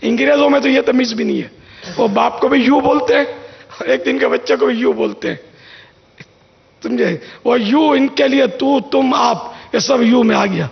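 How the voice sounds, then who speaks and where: A religious scholar with a gravelly, high voice and lively intonation gives advice in an informal religious talk. He is anecdotal and conversational, acting out quoted lines, and the sound is dull and lo-fi with long reverb.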